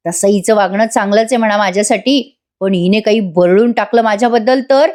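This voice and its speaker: A woman's voice: medium pitch, a little fast, darkish tone, natural voice. A woman voicing a scheming middle-aged man who talks in an insistent, coaxing way.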